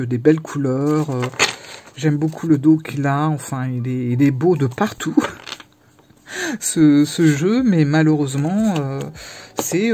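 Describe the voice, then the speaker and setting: A woman vlogger chatting casually to the camera about her tarot decks, in a halting, self-interrupting way with frequent pauses. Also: low-pitched, mellow, a little hiss or hum.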